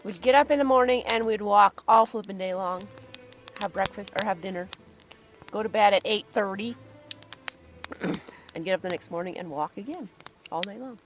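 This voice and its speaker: A woman's voice: medium pitch, moderate pace, long pauses. Woman hiker, casual and self-deprecating, music audible underneath. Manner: laughing, self-deprecating, chatty. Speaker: hiking companion being interviewed. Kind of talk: casual on-camera chat. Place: outdoors on a mountain trail.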